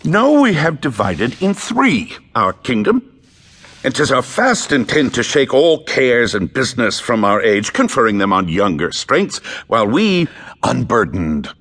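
A man's voice: mid-range voice, huge pitch swings, measured pace, fairly bright tone, husky, full character voice. An actor playing an old king, grand and commanding yet doting, in a theatrical Shakespearean audio drama. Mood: regal, amused. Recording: long hall-like reverb.

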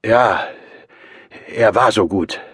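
A man's voice: on the low side, slow pace, a bit bright, husky, no echo, pitched above the performer's own voice, heavily acted. A man voicing a feverish, defiant young man in an audiobook, speaking in a strained, insistent way. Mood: bitter. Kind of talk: audiobook character voice.

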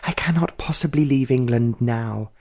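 A man's voice: medium pitch, lively intonation, moderate pace, darkish tone, pitched above the performer's own voice. A man voicing a pretty young society woman who is dreamy and lovestruck, talking in a gushing, sighing way.

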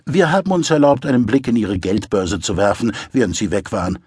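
A man's voice: lowish voice, a little fast, a little mellow, husky, dry recording, clean studio sound. A man voicing a cozy, chatty old male doctor with a patronizing bedside manner in an audiobook. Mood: jovial.

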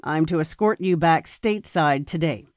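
A woman's voice: low-pitched, normal speed, dry recording, clean studio sound, lightly acted. A woman voicing a stern, dutiful male military lieutenant who speaks in a clipped, formal way. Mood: firm.

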